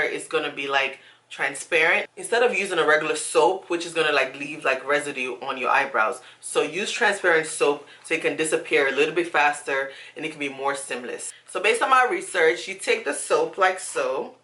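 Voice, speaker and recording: Young lady doing a chatty beauty vlog, bright punchy voice, repeats stuff for emphasis. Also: low voice. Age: young adult. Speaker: beauty vlogger. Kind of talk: casual chatty tutorial to camera. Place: small indoor room at home.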